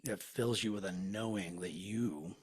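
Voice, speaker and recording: Low, husky man guiding a hypnosis. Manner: slow, soothing, hushed. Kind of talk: guided hypnosis session.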